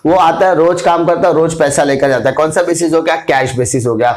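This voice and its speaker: A man lectures on commerce in a high, fairly light voice. He works through the topic like a classroom teacher, asking questions aloud and answering them himself. He repeats the key terms to drive them home. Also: a little fast. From India.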